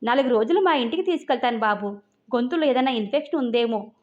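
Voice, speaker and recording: A woman voicing a worried middle-aged mother who speaks briskly to her son-in-law. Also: fairly high pitch, natural voice. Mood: concerned. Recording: dull lo-fi recording.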